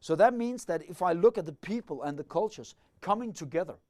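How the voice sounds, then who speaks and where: Lecturing on leadership, a middle-aged man methodically explains the ideas, asking himself questions as he goes. He speaks a little fast in a high-pitched voice with lively intonation and a darkish tone.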